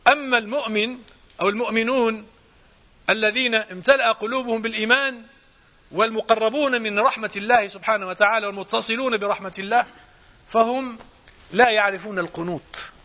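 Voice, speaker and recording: A man with a Moroccan accent and a high, sharp voice teaches a Quran exegesis lesson, explaining point by point and repeating phrases. When quoting verses, he slows into measured recitation.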